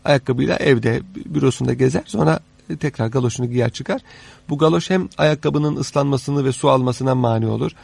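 A man explaining history in conversation as an expert guest, haltingly, pausing mid-sentence and rephrasing as he goes. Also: mid-range voice, creaky, darkish tone, slightly rough, no echo. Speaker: interviewed guest, expert on old Istanbul.

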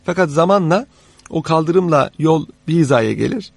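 A man explaining history in conversation as an expert guest, haltingly, pausing mid-sentence and rephrasing as he goes. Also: fairly high pitch, animated, gravelly, slightly rough, no echo. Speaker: interviewed guest, expert on old Istanbul.

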